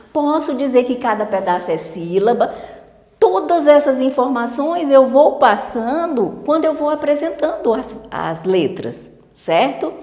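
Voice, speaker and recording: A woman teacher with a high, darkish-toned voice walks listeners through a literacy lesson patiently and step by step, pausing to check in with them. It's an online teacher-training session recorded in a room with strong, long-lasting reverb.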